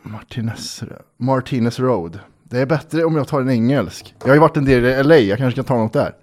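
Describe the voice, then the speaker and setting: A man's voice: medium pitch, a little mellow. A man co-hosting a casual comedy podcast, bantering and joking with his friend. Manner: joking banter, sings snatches of a song. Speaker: podcast co-host.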